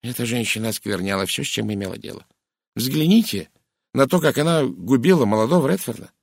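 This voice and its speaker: A man's voice: medium pitch, animated, a little fast, creaky, slightly rough, no echo, clean studio sound, pitched above the performer's own voice. A man voicing a stern, brusque middle-aged Englishwoman in an audiobook, speaking curtly and bluntly. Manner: curt, blunt, disapproving. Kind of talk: audiobook character reading.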